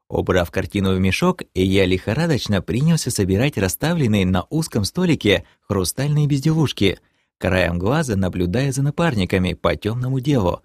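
A man narrating an audiobook with a lively, swinging pitch. His voice sits mid-range and sounds close and dry, with no room around it. He tells the story in the first person with brisk energy. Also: dry recording.

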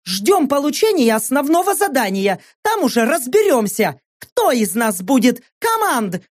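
A man doing a shrill bossy woman squad leader. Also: very animated, measured pace, full character voice. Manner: shrieking, commanding.

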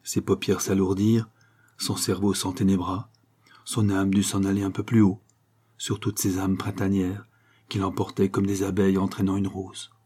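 A man reading a literary story aloud as narrator, measured and expressive. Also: low-pitched, husky.

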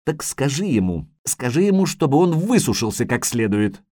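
A man voicing a vain, capricious female sea siren who talks in a singsong, shrill and indignant way. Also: very animated, moderate pace, warm tone, no room sound, clean studio sound.

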